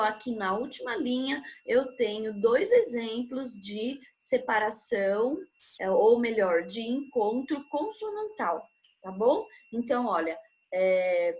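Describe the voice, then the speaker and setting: A woman teaching a grammar lesson, patiently explaining and checking in with short tag questions. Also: a little high.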